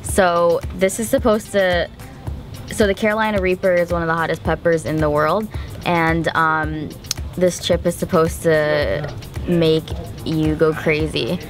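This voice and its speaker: A woman's voice: low voice, little pitch movement, measured pace, faint music behind. A young woman chatting casually in an office, recorded on a camera mic. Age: young adult. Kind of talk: casual chat. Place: open-plan office.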